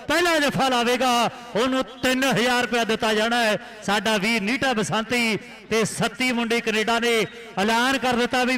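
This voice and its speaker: A man commentates a rural kabaddi match in a frantic style with an Indian Punjab accent. His voice is pitched extremely high and cuts through brightly, and he fires off repeated names and phrases in excited bursts. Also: poor audio. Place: live commentary at a village kabaddi tournament ground.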